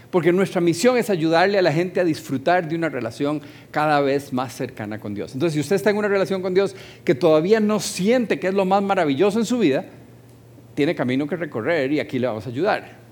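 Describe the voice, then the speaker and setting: A pastor preaching in a fairly high voice. He talks with his congregation more than at them and keeps asking them questions. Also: darkish tone. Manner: conversational, asks the congregation questions. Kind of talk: sermon. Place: church hall, also streamed.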